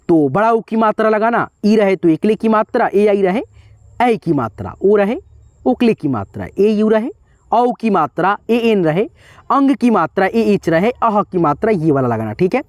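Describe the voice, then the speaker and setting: A man's voice: high voice, expressive, moderate pace, a little mellow, dry recording, studio quality. A man teaching an online lesson, patiently spelling out words piece by piece and often calling his viewers friends. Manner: repetitive, patient step-by-step spelling out. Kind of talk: whiteboard lesson.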